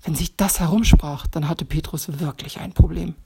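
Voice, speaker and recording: A woman's voice: low voice, moderate pace, vocal fry, background noise. A woman narrating a children's bible story who speaks directly to the child listening.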